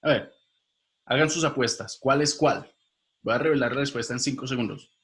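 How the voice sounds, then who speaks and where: A man's voice: mid-range voice, normal speed, a bit bright. A man giving a video lecture as a linguistics teacher, explaining step by step and quizzing his viewers directly.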